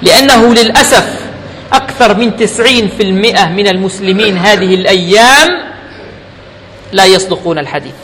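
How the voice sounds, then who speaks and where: A man preaches an emphatic Friday sermon in a reverberant mosque hall with faint noise, blending formal oratory with colloquial asides. His voice is high-pitched, pushed and bright, with lively intonation and a fairly quick pace.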